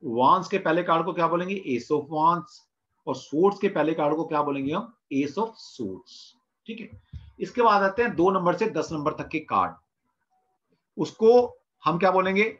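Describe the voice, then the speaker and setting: A man's voice: a little high, expressive, normal speed, fairly bright tone, dull audio. A man teaching tarot in an online class, asking his students questions and answering them himself while repeating the terms. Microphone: video call mic.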